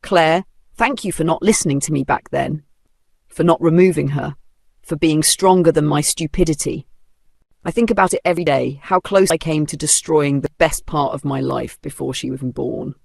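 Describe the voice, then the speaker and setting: A man's voice: a little high, moderate pace, vocal fry, breathy edge, dry recording. A man with a Nigerian accent voicing a remorseful divorced father who apologizes earnestly.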